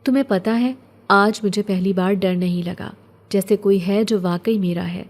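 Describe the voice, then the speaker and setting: A woman voicing a lonely, poor young orphan girl who speaks softly and plaintively. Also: medium pitch, fairly even intonation, natural voice. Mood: wistful. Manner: soft, wistful, plaintive.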